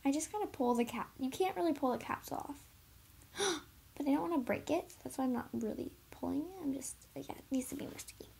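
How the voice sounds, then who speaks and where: A woman with a high, slightly gravelly voice chats about toys in a casual, giggly way. She sits in a carpeted room at home, talking to a camera set on the floor. Her delivery is loose and playful. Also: brisk, darkish tone. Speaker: toy reviewer. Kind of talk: casual toy unboxing chat.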